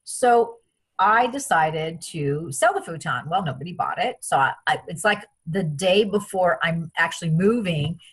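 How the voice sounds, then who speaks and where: A woman from France, a guest in an interview, telling personal stories in a chatty, animated way with many restarts. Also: on the low side, a little slow, breathy edge. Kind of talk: casual interview storytelling.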